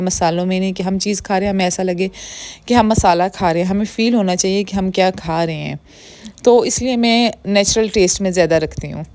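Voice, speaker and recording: Friendly, fast-talking woman, home-cooking vlog narration, mid-pitched, dry. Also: darkish tone, no room sound. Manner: talks fast, friendly and homely. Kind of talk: chatty cooking voice-over. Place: home kitchen.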